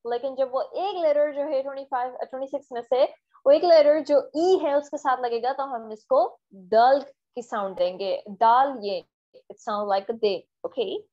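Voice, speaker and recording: Slow high-voiced Pakistani woman teacher. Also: darkish tone, lo-fi sound. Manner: mixes Urdu and English, drills words slowly for repetition. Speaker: English pronunciation teacher. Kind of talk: online English lesson.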